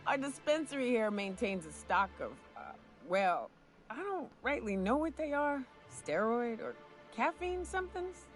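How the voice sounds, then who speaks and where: A boozy, swaggering frontier hunter. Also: female voice, a little high, very animated, unhurried, soft background music. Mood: tipsy bargaining. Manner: boozy, rambling, drawling folksy delivery with stumbles. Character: drunk, swaggering frontier woman monster hunter, crude and folksy. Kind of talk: video game dialogue acting.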